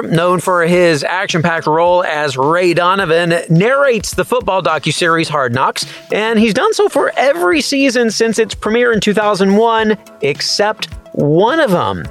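A man's voice: high-pitched, fairly bright tone. A man hosting an entertainment show, reading scripted TV recommendations in an upbeat, playful promo style.

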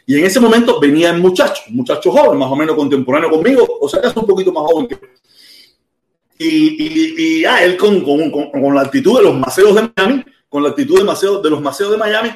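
A man's voice: on the high side, expressive, fast, reverberant. A young man from Havana with a Cuban Spanish accent, hosting a live podcast and telling a story in casual chat, acting out both sides of an argument. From Cuba. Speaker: podcast host.

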